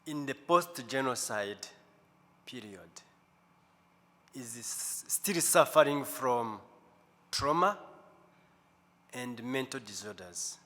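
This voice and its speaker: A man in his fifties giving a deliberate, slow testimony talk as guest speaker at a church service, pausing often. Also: mid-range voice, animated, a bit bright. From Rwanda. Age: 50s. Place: large church sanctuary. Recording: echoey church hall, faint room noise.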